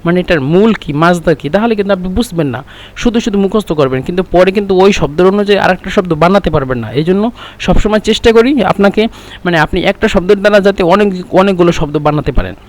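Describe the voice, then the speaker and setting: A man giving a casual spoken language lesson, explaining patiently and repeating phrases slowly so they can be copied. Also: high voice, lively intonation. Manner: conversational, chatty teaching tone. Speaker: Arabic language teacher.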